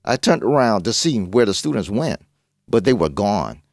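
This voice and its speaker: A man narrating a first-person animated horror story, voicing every character in quotes himself. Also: moderate pace, no room sound, clean studio sound. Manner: voices all the characters in quotes, jumping up in pitch for dialogue. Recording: narration over music.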